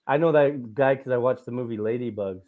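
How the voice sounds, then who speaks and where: A man hosting a casual comedy podcast over a call, with a voice in the ordinary middle range. He teases his guest with crude, loud jokes and keeps breaking into laughter. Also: mid-range voice, a little fast, phone-quality sound. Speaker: podcast host.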